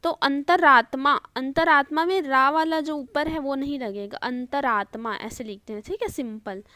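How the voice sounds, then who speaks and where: A woman's voice: high voice, normal speed, sharp tone, no room sound. A woman teaching an online spelling lesson, explaining step by step and repeating each word with frequent checks like "okay?". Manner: explains step by step, often repeating words and asking "ठीक है".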